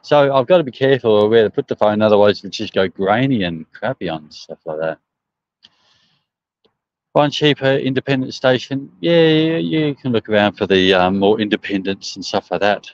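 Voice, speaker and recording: Broad Australian bloke, dull phone sound. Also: male voice, on the low side, animated, normal speed, no room sound. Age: middle-aged. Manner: rambling, hesitant, colloquial. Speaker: truck driver livestreaming. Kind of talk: casual live chat answering viewer comments. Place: outdoors on a service station forecourt. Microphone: phone propped at about arm's length. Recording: dull, slightly muffled phone livestream.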